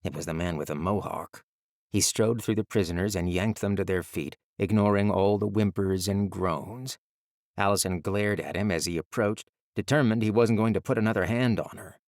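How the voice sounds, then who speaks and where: A man reading a fantasy audiobook as narrator, in a measured, even storytelling delivery. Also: lowish voice, no echo, studio quality.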